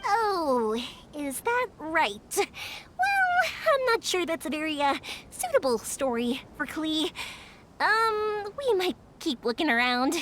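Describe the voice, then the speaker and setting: A woman playing a kind, enthusiastic young woman in a video game, speaking in a bubbly, expressive way. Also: very high voice, takes it slowly, a little hiss or hum, heavily acted. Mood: hesitant, apologetic. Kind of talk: animated video game voice acting.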